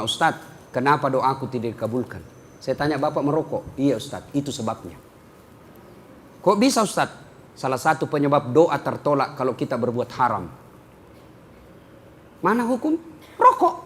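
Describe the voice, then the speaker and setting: Animated male preacher with lively pitch. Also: slight background noise. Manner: animated, swings from loud outbursts to low asides. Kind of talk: sermon.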